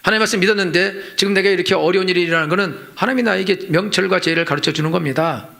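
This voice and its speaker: A man's voice: high voice, very fast, vocal fry, pushed and bright. A middle-aged man preaching a Sunday sermon as senior pastor in a church, emphatic and rhetorical, repeating his points and acting out the complaints of his listeners. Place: church sanctuary.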